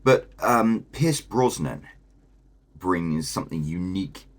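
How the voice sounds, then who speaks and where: A man's voice: sits low, animated, takes it slowly. A man hosting a casual video commentary, chatty and enthusiastic, with lots of fillers. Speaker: host.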